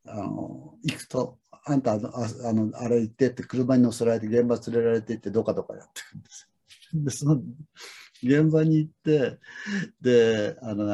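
Middle-aged guy, husky and mellow, rambling chatty host, lots of fillers. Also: medium pitch. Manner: reflective, rambling storytelling with many fillers. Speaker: lesson host. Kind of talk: casual conversation.

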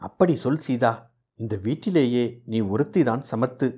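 A man's voice: mid-range voice, lively intonation, moderate pace, a little mellow, slightly rough. A man voicing a fussing, nagging middle-aged mother in a read-aloud novel. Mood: fretting. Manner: nagging, scolding.

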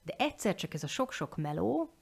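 A woman in her forties talking candidly on a podcast, frank and animated, swearing casually and restarting her sentences. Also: lowish voice, vocal fry, breathy edge.

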